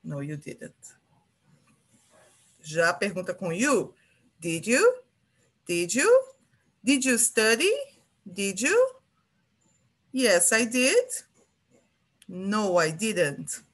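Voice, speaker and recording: A woman's voice: medium pitch, wildly swooping pitch, extremely slow, long pauses. A Brazilian woman teaching an English grammar lesson, patiently repeating example phrases and checking in with her students.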